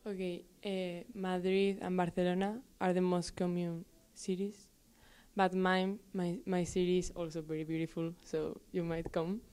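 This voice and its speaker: A woman's voice: on the low side, flat delivery, moderate pace, dark tone, smooth. Giggly teen girl from northern Spain. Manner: giggly, hesitant. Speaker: exchange student. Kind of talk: casual interview answers.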